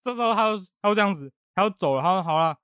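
A man's voice: high-pitched, clear, resonant tone, dry recording, studio quality. A man from Taiwan, the podcast host, telling a story in casual chat and acting out the quotes. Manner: fast animated storytelling, laughing often, acting out quotes.

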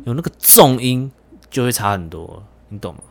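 A young man hosting a casual podcast chat, animated and teasing, swearing casually. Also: medium pitch, moderate pace, creaky. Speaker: podcast host.

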